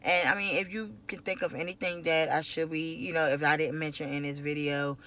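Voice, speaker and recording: A woman's voice: low-pitched, fairly even intonation, brisk, sharp tone. A woman vlogger chatting casually to her phone camera from inside a car, in a loose, rambling way that repeats itself. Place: inside a parked car at night. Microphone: phone camera at arm's length.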